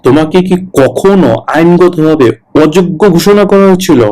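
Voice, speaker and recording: A man, tutoring for a citizenship test, slowly repeating English words and then explaining them quickly. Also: fairly high pitch, dark tone, poor audio.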